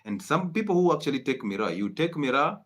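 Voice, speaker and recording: A man's voice: a little high, very animated, fast. A man giving a live-streamed health lecture, emphatic and preachy, repeating his key points. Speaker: health educator.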